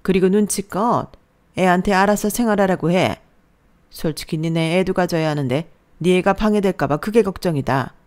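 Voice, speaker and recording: A scolding older mother-in-law, voiced by a woman, sneering and belittling, her voice pushed up and loud. She nags relentlessly in this storybook dialogue. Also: lowish voice, normal speed, voice pushed up, close to an everyday voice. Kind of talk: storybook narration with acted dialogue.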